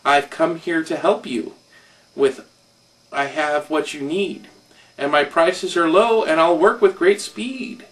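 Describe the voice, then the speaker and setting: Guy reading a kids' story, doing a sly salesman type, smooth pitch, kinda far from the mic. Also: slow pace, a bit bright. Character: sly fast-talking male salesman.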